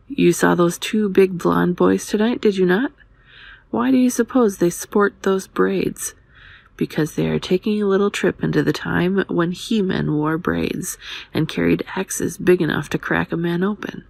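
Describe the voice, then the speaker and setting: A cynical young man gives an urgent warning as a woman reads him out, hushed and under the breath. The voice is breathy and creaky, very dry, in a quiet ASMR storybook style. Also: lowish voice, dry recording, heavily acted. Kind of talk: quiet ASMR audiobook dialogue.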